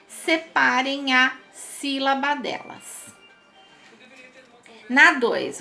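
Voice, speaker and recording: A woman's voice: high voice, bright, forceful tone. A woman teacher, patiently explaining homework exercises to children and using many diminutives.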